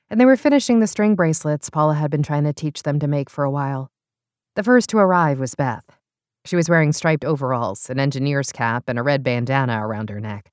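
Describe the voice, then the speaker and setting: A woman narrating an audiobook in an expressive, smooth storytelling manner. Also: a bass voice, dry recording, studio quality.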